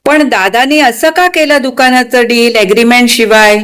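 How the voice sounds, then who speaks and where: A woman's voice: on the high side, lively intonation, a little slow. A woman voicing a timid, polite writer. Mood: hesitant. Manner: hesitant and apologetic.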